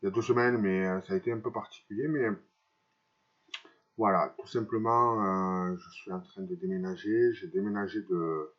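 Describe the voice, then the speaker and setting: A man talks haltingly in a personal vlog, his speech slightly impeded by dental braces. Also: deep voice, fairly even intonation, highs cut off. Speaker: vlogger. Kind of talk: personal vlog confession to camera.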